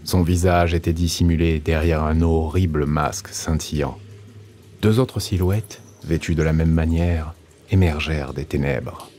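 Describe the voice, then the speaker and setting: Deep male audiobook narrator, measured storytelling, faint hiss. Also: steady tone, darkish tone.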